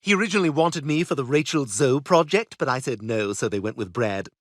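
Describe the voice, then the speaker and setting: A man's voice: mid-range voice, expressive, brisk, a bit bright, no echo, clean studio sound. An actor voicing a snobbish, catty British baby boy in a cartoon, talking in a posh, cutting, theatrical way. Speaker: patient. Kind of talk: cartoon voice acting.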